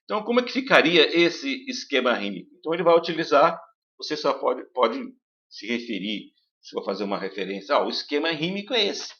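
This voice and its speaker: A man's voice: medium pitch, very animated, brisk, fairly bright tone, lo-fi sound. A man teaching a recorded video lesson, explaining step by step and putting questions to his students. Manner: explains step by step, asks the class questions, many fillers like "né" and "então".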